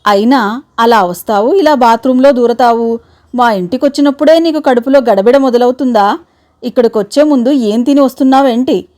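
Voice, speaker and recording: A woman voicing a fretful, sharp-tongued older wife, sarcastic and anxious, in a read-aloud story. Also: a little high, moderate pace, lightly acted. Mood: scolding.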